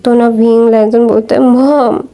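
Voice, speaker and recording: A woman retells a story in a casual, rambling way, full of fillers and false starts. Her voice sits a little high and sounds mellow and soft. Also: fairly even intonation, a little slow. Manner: rambling, many fillers and restarts.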